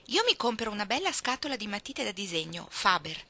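A woman's voice: mid-range voice, very animated, brisk, sharp tone, a little hiss or hum, voice pushed up. A woman reading as a prim, affected youngest sister who speaks haughtily and complains. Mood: haughty.

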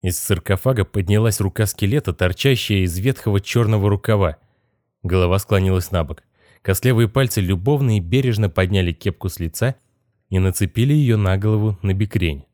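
A man narrating an audiobook in a measured, even storytelling manner. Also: on the low side, no echo, clean studio sound. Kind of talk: scripted narration.

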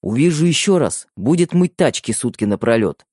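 A gruff, menacing boss, as a man reads him, snaps short, clipped orders. He sounds tired but threatening, recorded dry and close for an audiobook. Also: mid-range voice, sing-song, normal speed, a little mellow, no echo. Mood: barking. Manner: clipped, barking.

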